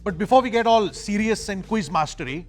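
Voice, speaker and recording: A man's voice: sits high, fairly quick. A man presenting a quiz show in a chatty, informal, joking way. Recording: music under the voice.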